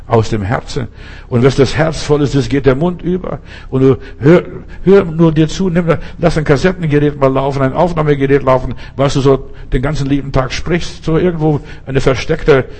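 A man's voice: mid-range voice, darkish tone, breathy edge. A male preacher giving an emphatic sermon, speaking straight to the listener with pointed rhetorical questions.

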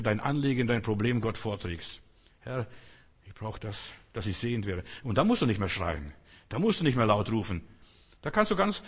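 A male preacher delivering a sermon, emphatic and repetitive, swinging between loud calls and quieter asides. His voice is husky. It rings out in a hall with a long reverb. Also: medium pitch.

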